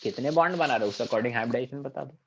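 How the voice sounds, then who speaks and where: A man with a medium-pitched, slightly breathy voice talks fairly quickly as he teaches a chemistry lecture in Hindi, dropping in English technical terms. He keeps questioning the class and checking that they follow. The recording is dull and lo-fi.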